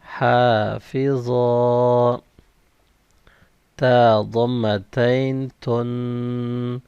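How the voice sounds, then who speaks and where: A man teaching Quran reading, spelling out each letter and vowel and then slowly blending the syllables in a recitation drill. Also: medium pitch, level tone, a little mellow, clear, resonant tone, dry recording. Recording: dull, slightly lo-fi dry recording.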